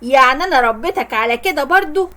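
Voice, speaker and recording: A woman's voice: high voice, expressive, fast talker, sharp tone. A woman with an Egyptian accent voicing a stern, scolding older father. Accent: Egyptian Arabic. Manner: scolding, authoritative.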